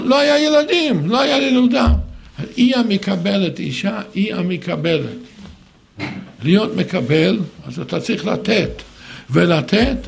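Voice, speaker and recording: An older man giving an animated sermon, acting out other people's words in raised voices. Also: high-pitched, vocal fry.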